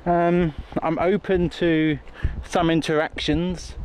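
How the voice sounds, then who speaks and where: A YouTuber host walks through muddy woods with a handheld camera, chatting casually in a hesitant way and often interrupting himself. His voice sits on the high side, slow and a little mellow, with little pitch movement. The outdoor camera audio is noisy.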